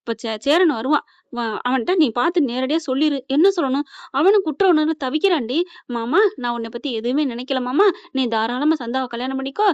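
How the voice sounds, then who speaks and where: A woman's voice: high voice, brisk, clear, resonant tone, no echo, close to an everyday voice. A woman voicing a middle-aged mother who scolds and comforts her daughter. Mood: firm soothing. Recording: dull lo-fi recording.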